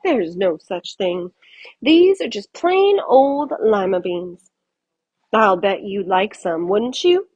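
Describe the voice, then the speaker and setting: A woman voicing a sweet, kindly old woman from a children's storybook, with a bright, reassuring manner. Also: mid-range voice, expressive, slow, husky, dull audio. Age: older.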